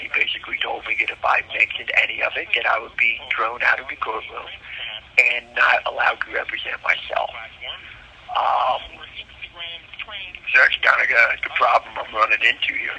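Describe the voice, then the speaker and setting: A man calling over a prison phone line, recounting his court troubles earnestly and haltingly, with frequent ums and restarts. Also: mid-range voice, flat delivery, pushed and bright, a little hiss or hum. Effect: heard over a prison phone line.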